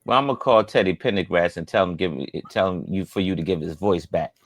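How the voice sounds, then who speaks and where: A podcast co-host tells a rambling story in a casual chat, packed with fillers and laughter. He has a low voice and talks fast.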